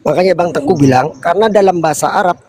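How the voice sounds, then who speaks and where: A man's voice: sits high, quick pace, a little mellow. A man adding to an online debate, polite but firm as he cites references. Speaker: debate participant.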